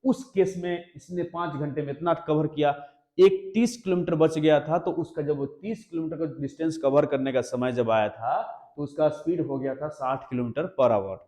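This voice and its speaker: In an echoey room, a male maths teacher runs an exam-prep lesson, working through each step and repeatedly asking whether the class is following. His voice leans high, with a warm tone and a moderate pace.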